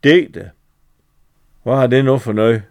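A sharp-tongued farm wife who scolds and teases her neighbours. The voice stays clear and smooth, in an everyday register, read by a man telling the story. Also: mid-range voice, lightly acted. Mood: doubtful. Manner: scolding, teasing.

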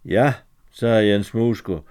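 A man narrating a story in a steady, low-key manner. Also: smooth. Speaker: reader. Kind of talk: story reading.

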